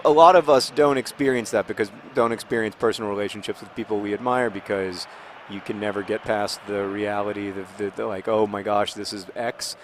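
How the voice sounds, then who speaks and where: A man's voice: lowish voice, slight background noise. A man hosting a gaming video, chatting casually and rambling with joking asides while he plays.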